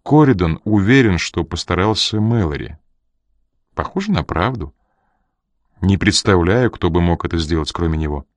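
A man reading as a nervous, evasive man with a low voice. He sounds defensive and plaintive when pressed. The recording is close and dry. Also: expressive, moderate pace, no echo. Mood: explaining.

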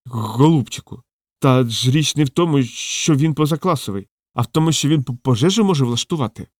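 A kindly old wizard who booms and stammers over his words, slow and gently exasperated, as a male audiobook reader plays him. The voice sits close on a dry mic. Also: lively intonation, no echo, close to an everyday voice. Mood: pleading. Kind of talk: audiobook character voice.

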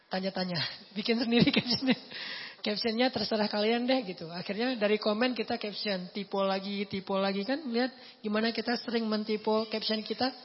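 A man with a husky voice giving a casual sermon as a lively storyteller who acts out the voices in his stories. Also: sits high. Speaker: preacher. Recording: echoey hall, muffled lo-fi sound.

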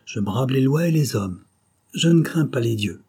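A man's voice: mid-range voice, expressive, normal speed, a little mellow, breathy edge, voice pushed up. A man voicing a calculating male seducer from a novel, speaking in an intense, commanding way.

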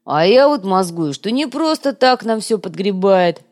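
Woman doing a gruff, slangy male gang boss. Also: mid-range voice, expressive, a little slow, a little mellow, lightly acted. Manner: rough, blunt, slangy.

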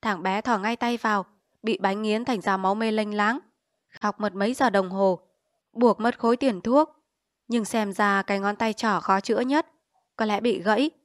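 A woman reading a novel aloud as an audiobook, with a steady storytelling delivery. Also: mid-range voice, normal speed, no room sound, clean studio sound. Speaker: audiobook reader.

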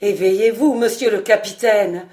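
A woman's voice: medium pitch, moderate pace, a little mellow, lightly acted. A woman voicing a loyal old male squire, badly wounded and calling for help in a storybook reading. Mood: pleading. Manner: pleading, weakening.

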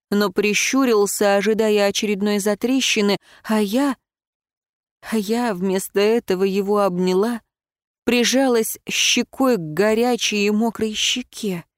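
A woman reading first-person fiction aloud in an expressive, emotional way. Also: mid-range voice, measured pace, no echo, studio quality. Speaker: audiobook narrator.

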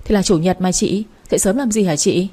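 A woman's voice: medium pitch, fairly quick, warm tone, husky, natural voice. A woman reading the part of an anxious, flustered sister-in-law in a spoken story.

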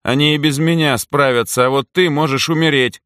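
A nervous, rough-spoken young man, as an audiobook reader puts him on, pitched well above the reader's own voice and pushed louder. He sounds tense and gruff, in a dry, close recording. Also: fairly even intonation, a little fast, no echo, lightly acted.

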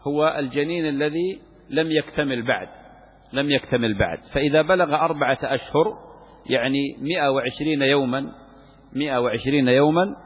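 A man's voice: mid-range voice, breathy edge. A sheikh teaching Islamic law, lecturing on a legal text, asking and answering his own questions and repeating key phrases for emphasis. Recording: muffled lo-fi recording in a reverberant hall.

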